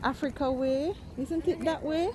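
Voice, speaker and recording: A woman's voice: high-pitched, unhurried, a loud crowd. A woman in her forties, chatty and repeating herself as she vlogs a zoo visit, filmed on a phone at arm's length on a windy day. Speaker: vlogger. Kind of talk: casual vlog. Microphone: phone held at arm's length. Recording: wind noise on a phone mic.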